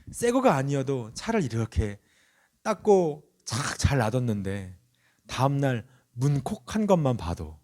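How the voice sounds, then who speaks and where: A male pastor giving a Sunday sermon, speaking earnestly, telling stories and asking the congregation questions. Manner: lively rising and falling pitch.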